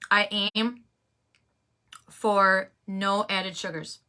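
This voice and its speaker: A woman's voice: medium pitch, fairly even intonation, very slow, sharp tone, clean tone. A middle-aged woman, hosting a casual livestream in a chatty, folksy way and greeting viewers by name. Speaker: livestream host selling handmade crafts. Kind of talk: casual live chat.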